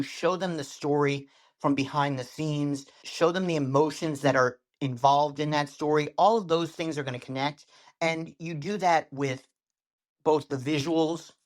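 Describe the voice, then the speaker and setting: A man being interviewed as a social media coach, telling stories with shifting speed and tone on what sounds like a video call. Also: on the high side. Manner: animated storyteller, varies speed and tone for effect. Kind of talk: podcast interview.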